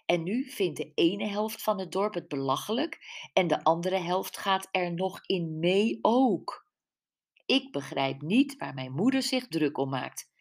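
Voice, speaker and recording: A woman's voice: on the low side, animated, unhurried. A woman voicing a fussy older mother from a village who grumbles and scolds, read in an audiobook. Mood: grumbling. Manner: scolding, complaining.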